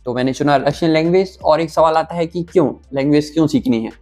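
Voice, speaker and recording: A young man with an Uttar Pradesh accent, casually vlogging about learning a language and slowly sounding out new words. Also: on the high side, faint music behind. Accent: Uttar Pradesh Hindi. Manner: relaxed, thinking aloud with fillers, slowly sounding out words. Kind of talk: casual talk to camera.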